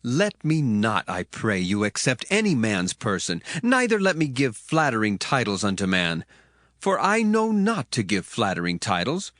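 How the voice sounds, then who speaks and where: Elihu, earnest young man with animated oratory. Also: medium pitch, normal speed, no room sound, clean studio sound. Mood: impassioned, bursting. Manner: oratorical, emphatic, archaic formal phrasing. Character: earnest young man Elihu, indignant biblical speaker rebuking his elders. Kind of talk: dramatized scripture reading, declamatory.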